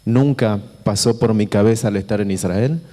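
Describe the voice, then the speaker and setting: The church auditorium's long echo fills out the fairly low, dark and soft-edged voice of a visiting preacher from Buenos Aires with an Argentine Spanish accent. His sermon is informal and conversational but halting, with repeated phrases and frequent check-ins with the congregation.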